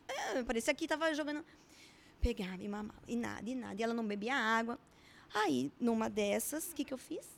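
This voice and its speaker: A woman chatting on a podcast as a mother, telling lively stories and acting out the lines. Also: on the high side, brisk, gravelly. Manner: animated storyteller, acts out quotes. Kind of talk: casual podcast chat.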